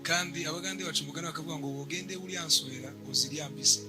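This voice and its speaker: A young man from Rwanda giving a church testimony in short, measured phrases, pausing for an interpreter. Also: fairly high pitch, fairly even intonation, loud music behind the voice. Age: young adult. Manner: measured, speaks in short bursts.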